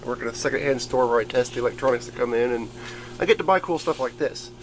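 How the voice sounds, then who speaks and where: This fast-talking man with a mid-range voice gives an informal, wandering tour of his gadgets as a hobbyist. It's recorded on clearly noisy amateur camera audio.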